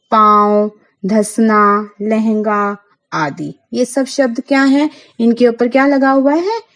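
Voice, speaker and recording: A woman's voice: on the high side, vocal fry, darkish tone, rough recording. A woman teacher giving a grammar lesson to schoolchildren, asking the class questions and then answering them herself, and spelling out the sounds one by one.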